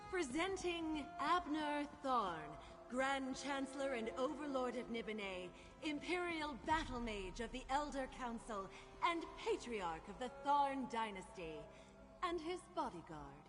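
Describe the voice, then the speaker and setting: A formal herald, proclaiming in a high voice. Her game announcement rings with long hall reverb over music. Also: expressive, unhurried. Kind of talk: video game character acting.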